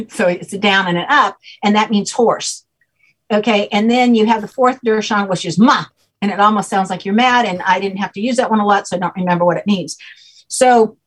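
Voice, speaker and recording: A woman with a breathy, mid-range voice is a guest who teaches a name system. She talks it through at length in conversation, patiently stopping to ask "okay?" over and over to be sure the listener is with her.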